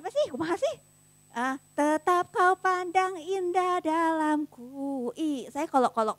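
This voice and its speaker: Young woman preacher, high voice, dry close sound, casual fervent sermon. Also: no room sound. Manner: casual slangy preaching, swings between soft and fervent. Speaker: youth preacher. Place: church youth service.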